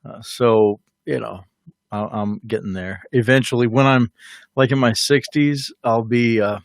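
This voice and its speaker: A man's voice: medium pitch, steady tone, dry recording, clean studio sound. Easygoing man in his forties. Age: 40s. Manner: easygoing, agreeable, halting with fillers. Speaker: ministry co-host who prays for viewers. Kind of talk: casual livestream chat.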